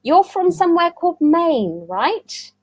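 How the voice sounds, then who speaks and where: A woman's voice: extremely high pitch, very animated, unhurried, darkish tone, no room sound, poor audio. A woman hosting an online interview over a video call, bubbly and chatty, laughing at her own slips. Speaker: host.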